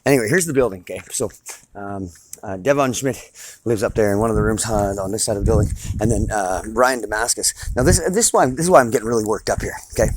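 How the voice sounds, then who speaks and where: A man's voice: on the low side, background noise. A man ranting on a street vlog, agitated and profane, his voice rising into angry outbursts, recorded on a phone outdoors. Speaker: vlogger filming a street complaint.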